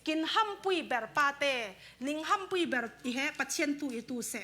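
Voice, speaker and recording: A woman's voice: high voice, lively intonation, a little fast, pushed and bright. A woman preaching a sermon in a conversational way, dropping in English words now and then.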